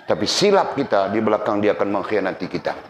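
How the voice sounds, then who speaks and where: Very low-voiced male religious teacher, teasing lecture style; roomy, dull lo-fi recording with faint noise. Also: quick pace. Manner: teasing, animated, addresses audience directly.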